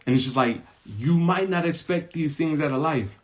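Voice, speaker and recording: A man's voice: on the high side, moderate pace. A man hosting a podcast, telling a motivational story in an earnest way, repeating his points and often ending lines with "right?". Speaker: podcast host.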